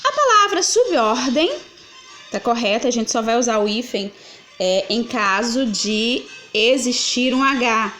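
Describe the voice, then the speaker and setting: A woman's voice: on the high side, animated, measured pace, a bit bright, soft background music. A woman explaining grammar answers as a teacher, patiently asking questions and answering them herself. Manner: patient, asks and answers her own questions. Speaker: Portuguese teacher.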